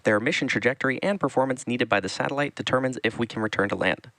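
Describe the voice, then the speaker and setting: A man giving live explanatory launch commentary as a webcast host, measured and informative. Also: medium pitch, fairly bright tone, dry recording.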